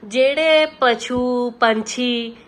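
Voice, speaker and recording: A woman's voice: a little high, very slow. A young woman hosting a vlog in casual chat, playful and teasing. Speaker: vlog host.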